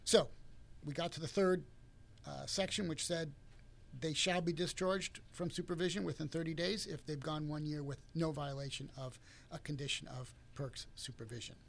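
A man's voice: fairly high pitch, fairly even intonation, normal speed, vocal fry. A man interviewing, asking clarifying questions and giving brief acknowledgments.

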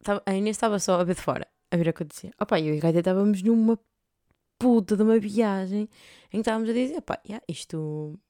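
A woman's voice: medium pitch, quick pace, mellow, no room sound, clean studio sound. A young adult woman with a European Portuguese accent, telling a rambling story on her podcast, with lots of fillers and casual swearing. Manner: chatty, rambling, heavy filler words and swearing. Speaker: podcast host.

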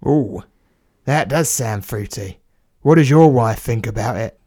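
A man's voice: mid-range voice, a little slow, mellow, no room sound, clean studio sound, natural voice. A man voicing a cheeky, blunt working-class plumber, in a comic audio story. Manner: blunt, matey, slangy.

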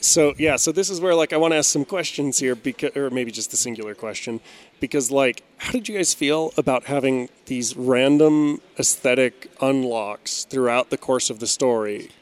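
A man's voice: mid-range voice, moderate pace. A man hosting a casual podcast panel, putting questions to his guests in a playful, lightly wry way. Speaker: podcast host. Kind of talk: casual review chat.

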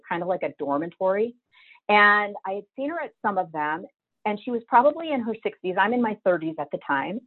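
A woman's voice: medium pitch, husky. A middle-aged woman telling her own story as a guest, vivid and emotional, acting out what she thought back then. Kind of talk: personal storytelling. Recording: tinny phone-like line.

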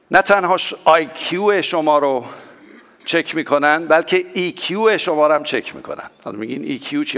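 A male pastor preaching a sermon with strong swings in loudness and pitch, repeating phrases for emphasis.

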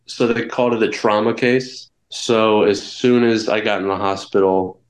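A man's voice: on the low side, steady tone, moderate pace. A young man being interviewed, telling his story candidly, with frequent restarts and fillers. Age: young adult. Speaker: guest wrestler. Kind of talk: casual interview. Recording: echoey room.

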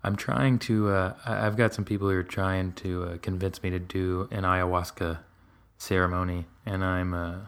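A man's voice: low voice, little pitch movement, moderate pace, hardly any pauses, clear, resonant tone. A man talking candidly in a casual conversation, rambling with fillers and restarts.

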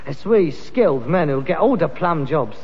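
A sitcom actor plays an exasperated, self-important working-class London son with aspirations, nagging and pompous in a high, breathy-edged male voice with a Cockney accent, lively intonation, moderate pace, and a darkish tone. This vintage British sitcom performance comes from a dull, noisy, reverberant archive recording.

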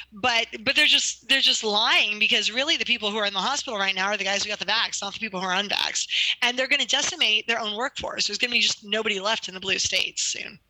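A woman speaking as a guest attorney in an interview, talking in an emphatic, fervent, rapid-fire way. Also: a little high, sharp tone, dry recording, poor audio. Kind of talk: impassioned interview talk.

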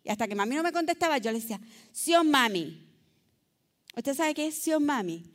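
A high-pitched woman delivers a sermon. She exhorts her listeners, one moment calling out loud, the next dropping to a soft, low aside. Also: animated, rapid-fire. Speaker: preacher.

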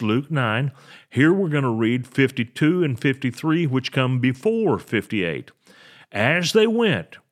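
An older man, a pastor, teaching a sermon and explaining Bible verses, slowing down to stress key words. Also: mid-range voice, fairly bright tone.

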